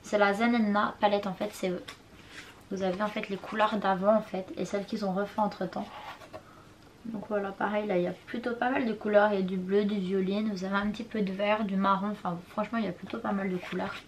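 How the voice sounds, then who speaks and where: A woman's voice: medium pitch, fairly even intonation, fairly quick, a little hiss or hum. A young woman showing her makeup palettes in a casual vlog, chatty and unsure of product names, apologizing for her pronunciation. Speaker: beauty vlogger. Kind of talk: casual makeup collection show-and-tell. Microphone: compact camera mic.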